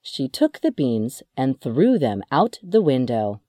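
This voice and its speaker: Slow, lively children's storyteller. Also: mid-range voice, no room sound. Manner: slow, expressive read-aloud.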